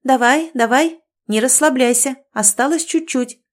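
A woman voicing a brisk, bossy nurse who commands and cheers on a woman in labour. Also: high voice, pitched above the performer's own voice. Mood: commanding.

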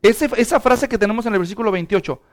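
A man preaches a lively sermon in a high-pitched voice. His tone is smooth and clear, and he keeps urging his listeners to turn to one another and speak. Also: fast talker. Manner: animated, urges the congregation to respond aloud. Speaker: pastor.

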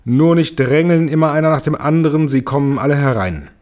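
A man voicing a greedy, cruel middle-aged aunt with a shrill, bossy voice in a storybook reading. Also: fairly quick, darkish tone, natural voice. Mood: shrill hawking. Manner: shrieking, bossy barking.

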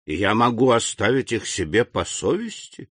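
A man's voice: lowish voice, big pitch swings, normal speed, fairly bright tone, slightly rough, no room sound, exaggerated voice. A man voicing a humble middle-aged prison gatekeeper, deferential and eager in an audiobook reading. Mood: wondering.

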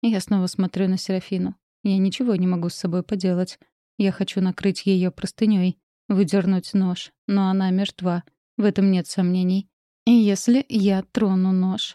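A woman narrating a first-person story in a measured, tense audiobook reading. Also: mid-range voice, little pitch movement, mellow, no echo, clean studio sound.

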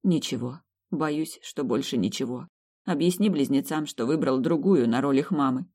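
A woman's voice: a bass voice, moderate pace, a little mellow, breathy edge, heavily acted. A woman voicing a hurt, bitter pregnant young wife in an audiobook story reading.

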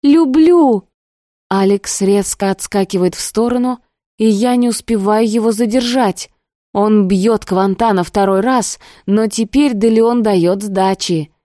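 A woman reads a first-person novel aloud in a steady, expressive storytelling voice. Her tone is mellow and warm. The recording is dry and close, with no room sound. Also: mid-range voice, unhurried, no echo. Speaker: audiobook narrator.

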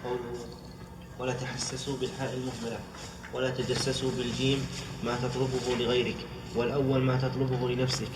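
A man reading a commentary aloud in a lesson, quietly and quickly in a flat tone. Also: medium pitch. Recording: distant voice in echoey room, clear noise.

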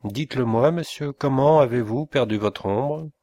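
A man's voice: on the low side, steady tone, a little slow, no room sound. A man reading the part of an indignant middle-aged forest inspector and father, speaking with menace in an audiobook. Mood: furious.

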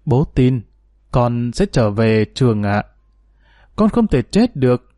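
A man voicing a remorseful father near sixty, reading his farewell letter gravely in a storybook narration. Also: mid-range voice, big pitch swings, takes it slowly, mellow, no room sound, studio quality.

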